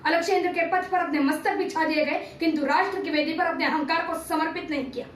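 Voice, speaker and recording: In an extremely high, fast voice with fairly even intonation, an amateur woman performer recites a TV serial monologue as a stern, patriotic male teacher-statesman of ancient India. Her delivery is solemn, declamatory oratory in formal diction, captured on a roomy, distant mic with faint background noise.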